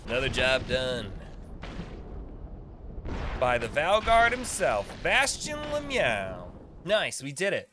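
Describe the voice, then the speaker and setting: Game music plays in the background as a thirty-something streamer and guide host talks playfully in slang during a livestream, close to a boom-arm desk mic in his small indoor setup. His voice is medium in pitch with huge swings, and he speaks slowly, pausing often, amid noisy surroundings.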